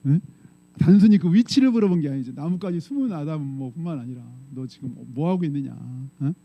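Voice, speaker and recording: A man's voice: on the high side, expressive, fast talker, lo-fi sound. A male pastor preaching a conversational sermon to his congregation, often putting questions to them and answering himself. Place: church sanctuary.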